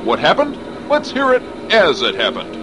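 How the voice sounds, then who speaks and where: A man's voice: on the high side, huge pitch swings, normal speed, gravelly, background noise. A man giving an earnest, mock-serious sports news report as announcer.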